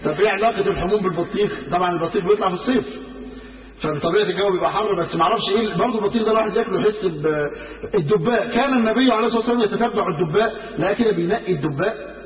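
A man with an Egyptian Arabic accent preaching a sermon, telling stories in a lively way and acting out the quoted speech. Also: high-pitched. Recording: roomy hall from far off, phone-like sound.

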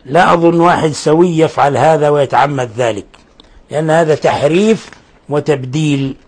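A man's voice: on the high side, moderate pace, a little mellow. A middle-aged man hosting a radio lesson, patiently correcting callers' pronunciation with repeated examples. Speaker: host and recitation teacher.

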